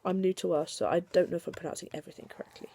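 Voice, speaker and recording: A young woman, a mother, reads picture books aloud to her little daughter, coaxing her gently between pages. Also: fairly low pitch, very fast, slight background noise. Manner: animated storytelling voice, coaxing and gentle with her child.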